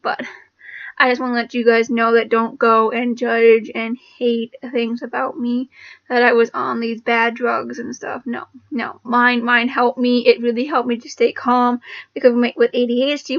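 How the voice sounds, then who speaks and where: A woman's voice: fairly high pitch, no room sound, dull audio. A young woman talking casually to her viewers, rambling, with frequent restarts and fillers. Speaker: vlogger. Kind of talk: casual personal talk to camera.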